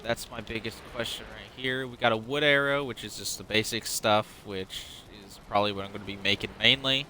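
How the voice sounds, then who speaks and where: A man's voice: fairly low pitch, steady tone, fairly quick, hardly any pauses, pushed and bright, a little hiss or hum. A man giving casual, unrehearsed let's-play commentary, rambling, stumbling over words and swearing now and then. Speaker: gaming channel host.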